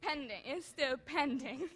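High-voiced young woman from Switzerland. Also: a little slow, a bit bright. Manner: informal, self-correcting. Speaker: student speaking from the audience. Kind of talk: spontaneous comment at a public debate.

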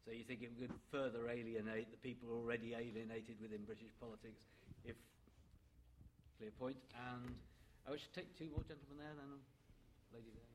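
A man with a medium-pitched voice moderates a live panel debate. He is picked up at the event, with clear noise behind him and some clicking. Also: steady tone, moderate pace. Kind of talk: chairing a live public debate. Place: public panel event at a venue.

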